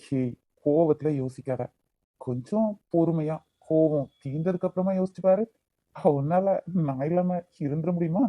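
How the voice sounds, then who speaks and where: A man's voice: a little high, warm tone, no echo, natural voice. A man voicing a hot-tempered young man in a cartoon love story, pleading with the woman he loves, with a Kanyakumari Tamil accent. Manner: pleading, quick to anger. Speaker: voice actor.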